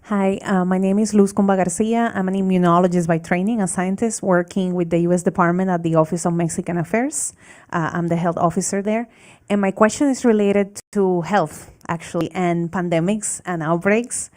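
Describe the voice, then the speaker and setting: A woman with a somewhat low voice introduces herself formally as a scientist and health officer. She then asks the panel a polite question. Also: steady tone, normal speed, a little mellow.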